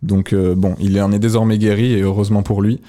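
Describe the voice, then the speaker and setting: A young man co-hosting a radio music show, talking through new rap releases in a relaxed, conversational way. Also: on the low side, fairly quick. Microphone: studio microphone.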